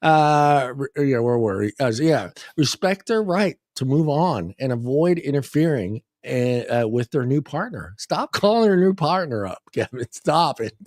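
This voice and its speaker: A man's voice: on the high side, big pitch swings, moderate pace, few pauses, darkish tone, no echo. A man in easy, joking conversation, laughing between lines and teasing his co-hosts. The recording is dry and close, with no room sound. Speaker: podcast co-host. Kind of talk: casual chat.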